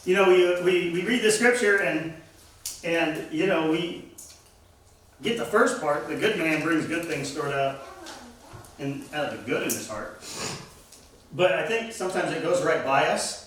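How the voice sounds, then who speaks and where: A man leads a Bible lesson in an emphatic way, putting questions to the class. His voice sits a little high. It rings through a very echoey room, picked up from some distance. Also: animated, unhurried, pauses often, a bit bright, slight background noise. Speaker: church teacher.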